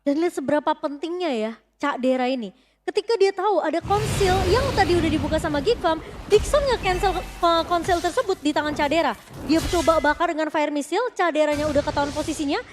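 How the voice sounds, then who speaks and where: A woman's voice: high-pitched, fairly quick. A woman with an Indonesian accent analysing a live esports match as a commentator. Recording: loud music behind. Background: loud music.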